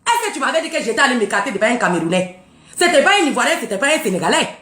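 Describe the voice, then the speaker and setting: A woman's voice: fairly high pitch, sing-song, racing, a bit bright. A woman ranting on a live stream, mocking and taunting with frequent laughter and boasting. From Burkina Faso. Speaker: live social media streamer. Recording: roomy echo.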